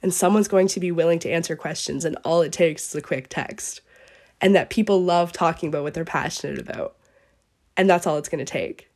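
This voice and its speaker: A woman's voice: fairly low pitch, fairly quick, a little mellow. A young woman from eastern Canada hosting a podcast, talking earnestly and at length, her voice sounding sick. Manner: earnest, gushing, rambling. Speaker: podcast host. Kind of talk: heartfelt solo podcast farewell.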